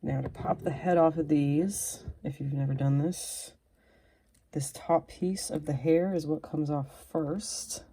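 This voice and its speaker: Low, mellow-voiced woman reviewing a toy. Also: measured pace, slightly rough. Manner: chatty, self-deprecating, drifts into whispers while fiddling. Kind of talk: casual unboxing chat.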